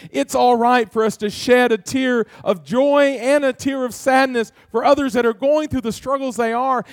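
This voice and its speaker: A man's voice: very high voice, dry recording, studio quality. A middle-aged male pastor preaching a sermon, earnest and folksy, asking many rhetorical questions and telling family stories.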